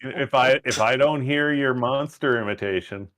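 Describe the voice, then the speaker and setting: A man's voice: medium pitch, moderate pace, a bit bright. A man playing a tabletop game, jokingly taunting and interrogating a captive in character. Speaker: player. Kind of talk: tabletop role-play.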